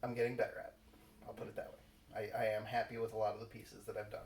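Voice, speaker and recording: Man, lowish voice, understated halting chat, roomy sound from off mic. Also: flat delivery, darkish tone, a little hiss or hum. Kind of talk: casual chat, Q&A. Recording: echoey room, distant mic.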